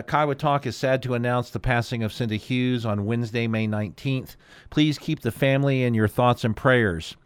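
A man hosts a community radio program, reading announcements in a mid-pitched, smooth voice. The sound is dry and close, with crisp words. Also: no echo. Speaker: radio show host.

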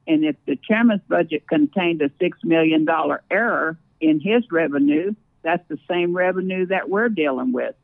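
A man's voice: on the high side, normal speed, vocal fry, hardly any pauses, no echo. A man talking informally about official business as a radio guest, heard over a thin phone-like line. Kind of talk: informal political talk.

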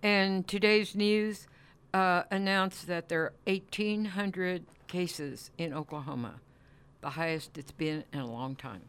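Slow, clear-voiced woman reading announcements. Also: on the low side, a bit bright. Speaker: co-host reading community announcements. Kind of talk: plain read-out of event announcements.

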